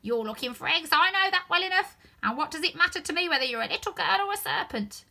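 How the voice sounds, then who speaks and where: A fretful pigeon shrieks and scolds in a high, piercing voice that leaps and swoops, loud and sharp-edged, as a woman reads it out. It sounds like a storybook bird fussing over its nest. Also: animated, fast talker, creaky, full character voice. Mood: scolding. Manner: shrill, indignant, scolding.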